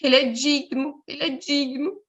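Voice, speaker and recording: A middle-aged woman with a Brazilian Portuguese accent, telling a personal church testimony in an animated way, acting out the voices of the people in her story and often repeating words. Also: high voice, normal speed, lo-fi sound. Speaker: church member giving a testimony.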